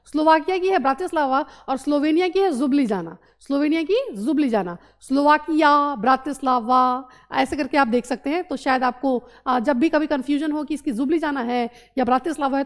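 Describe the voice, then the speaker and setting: A woman teaching geography in Hindi, quizzing the listener with quick questions and then answering them herself. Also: high voice. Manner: drills by asking and answering her own questions. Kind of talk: map lesson for exam students.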